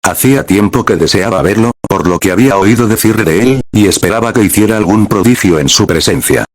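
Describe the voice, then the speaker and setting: Deep-voiced man reading scripture. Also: animated, a little fast. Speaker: scripture reader. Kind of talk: liturgical gospel reading.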